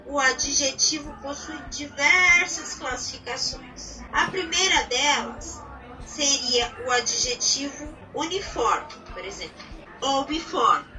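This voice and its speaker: A woman's voice: high voice, far from the mic, poor audio. A woman teacher from Brazil, patiently explaining grammar step by step and checking in with her students. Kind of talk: recorded grammar lesson.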